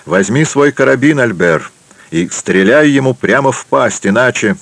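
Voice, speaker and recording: A man's voice: medium pitch, normal speed, no echo, voice pushed up. A man reading a joking, decisive young adventurer. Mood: calm. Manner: jokey, decisive, calm under danger. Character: bold, joking young male adventurer, cool-headed leader.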